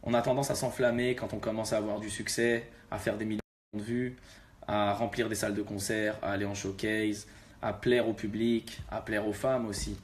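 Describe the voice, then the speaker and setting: Young man, rapper, low voice, laid-back slangy talk, faint background hum. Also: level tone, normal speed. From Algeria. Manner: laid-back, street slang, addresses viewers directly. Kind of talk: casual talk to fans.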